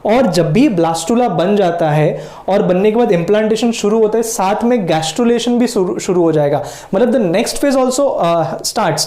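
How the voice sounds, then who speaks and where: A man's voice: high voice, mellow. Male biology teacher, echoey room. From India. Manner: switches between Hindi and English, stretches key terms slowly. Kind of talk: whiteboard lecture.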